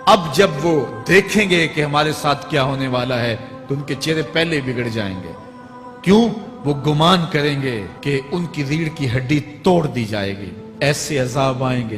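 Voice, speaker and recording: A man preaching an Islamic sermon with dramatic swings between fervent cries and low, grave tones. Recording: long hall reverb with faint music.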